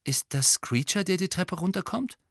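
A man reading an audiobook, voicing a defensive, uneasy fifteen-year-old boy who is quick to protest. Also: high-pitched, animated, vocal fry, dry recording, studio quality, pitched above the performer's own voice, full character voice.

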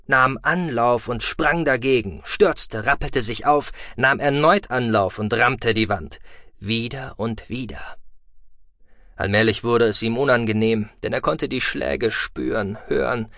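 Calm male audiobook narrator. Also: mid-range voice, gravelly, dry recording, studio quality. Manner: measured, calm and expressive reading. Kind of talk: scripted narration.

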